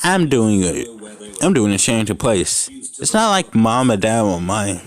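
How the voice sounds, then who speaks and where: With a voice on the low side, big swings in pitch, and a slightly slow delivery, a young man reads fanfic aloud. He stumbles now and then and breaks away to joke and swear in casual commentary.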